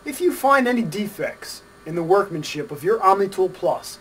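A man's voice: high voice, sing-song, moderate pace, fairly bright tone, slight background noise. A man playing an earnest company spokesman giving a personal assurance in a parody infomercial. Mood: earnest, assuring. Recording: distant from the microphone.

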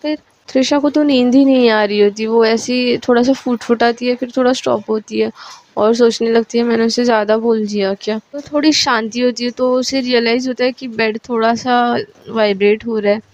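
A woman's voice: on the high side, fairly even intonation, normal speed, a little mellow. A woman telling a romantic story in a chatty, casual narration, dropping in English words.

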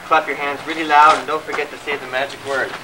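A man's voice: on the high side, little pitch movement, fast talker. A man coaching children playfully, like a showy magician at a kids' party, in a casual outdoor home video. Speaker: adult leading children's magic trick game. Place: outdoor driveway. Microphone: camcorder microphone at a distance. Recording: distant, noisy outdoor camcorder audio.

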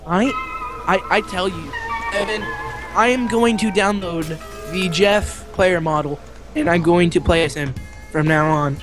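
A young man hosting a casual gameplay video, excitable, shouting and goofing around as he plays. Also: high-pitched, measured pace, over music. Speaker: gaming video host.

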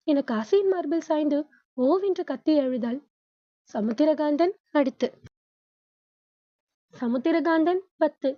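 A woman narrates a novel with a steady storytelling read. Her voice sits high. The sound is dry and close, with a dull, lo-fi tone. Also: dry recording. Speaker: audiobook narrator.

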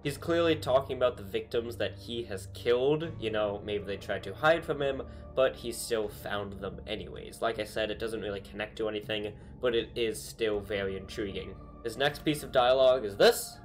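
A young man with a lowish voice talks at a moderate pace with few pauses, faint music behind him. A YouTuber analyzing game dialogue, he thinks aloud with lots of fillers in casual commentary from a small bedroom lit with string lights.

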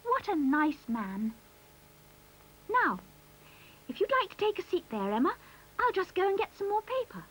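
A cheerful young strawberry artist in a children's cartoon, brisk and friendly. Her voice is very high and swoops a lot as she talks. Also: very animated, fairly bright tone, heavily acted, low-quality recording. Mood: reassuring.

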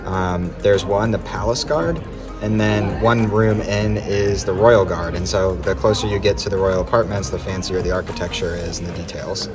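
A man's voice: sits low, moderate pace, music in the background. A man in his thirties recapping a palace tour on a travel vlog, talking casually with lots of ums, filmed on a phone held at arm's length inside an ornate room. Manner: chatty, many ums, relaxed recounting. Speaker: travel vlogger. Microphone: phone held at arm's length, selfie framing.

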